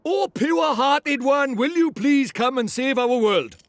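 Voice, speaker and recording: A man with a Welsh accent voicing a brash, chatty, self-important little fairy lord in an animated fantasy game. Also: extremely high pitch, measured pace, dry recording, full character voice. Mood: coaxing. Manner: blustering, cheeky, theatrical.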